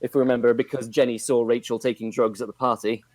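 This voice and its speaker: A man casually recapping a television episode on a podcast, with steady narration and frequent fillers. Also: medium pitch, quick pace, no echo. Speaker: podcast host recapping a show.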